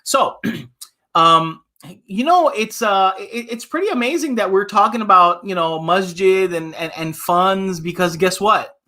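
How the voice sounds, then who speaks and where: During a children's story time, this imam reads and chats animatedly, inviting his listeners to answer questions. His high voice moves at a measured pace.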